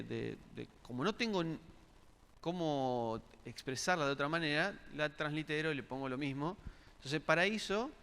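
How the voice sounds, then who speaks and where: A man's voice: on the high side, sharp tone. A man preaching a sermon in a church, asking the congregation questions and repeating words as he searches for them. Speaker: pastor. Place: church hall. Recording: church hall reverb.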